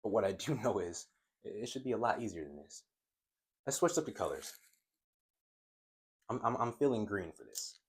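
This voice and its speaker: At a whiteboard, a trading coach teaches casually, calling his viewers "guys" and stuttering when he gets excited. His lowish voice has a breathy edge, moving at normal speed with long pauses.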